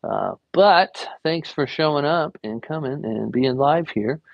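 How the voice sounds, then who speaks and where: Young man, art teacher streaming live, rambling and easygoing, gravelly fry, dry muffled audio. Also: fairly high pitch, expressive, measured pace, dry recording. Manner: rambling, easygoing, lots of fillers. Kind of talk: casual live-stream chat while drawing.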